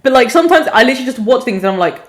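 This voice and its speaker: Lively rambling English woman podcaster. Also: a little high, racing, background noise. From England. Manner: rambling, self-deprecating, swears casually. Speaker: podcast co-host. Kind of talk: casual chat.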